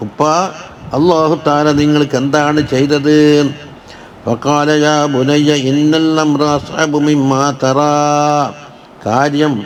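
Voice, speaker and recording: A man teaching a religious class, chanting Arabic text slowly and then explaining it in quick asides with questions to his listeners. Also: fairly high pitch, slight background noise, poor audio. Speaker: Islamic scholar teaching Quran commentary.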